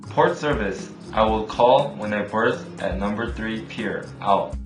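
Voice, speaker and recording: A man's voice: lowish voice, slow. A man playing a ship's officer on a marine radio call, repeating orders back in formal radio procedure. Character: male ship's radio officer, calm and compliant. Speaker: ship's officer of a motor vessel. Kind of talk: scripted maritime radio role-play. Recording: echoey room with music underneath.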